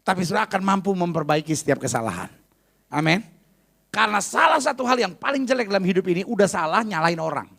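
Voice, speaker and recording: A man's voice: high-pitched, animated, fast, gravelly, a bit bright. A male pastor preaching a sermon in a conversational, humorous, emphatic way.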